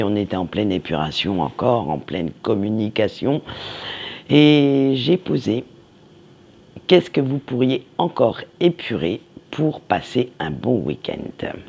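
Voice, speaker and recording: A man giving a weekly tarot reading, slow and meandering, reassuring, with many fillers. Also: mid-range voice, vocal fry, a little mellow, breathy edge, dull audio. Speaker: tarot card reader.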